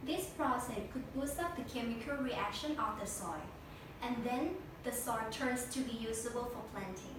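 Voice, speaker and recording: A young woman contestant delivers a memorized competition speech in a slightly high voice at normal speed, sounding distant and rehearsed. The recording is noisy, with a distant mic and heavy room echo.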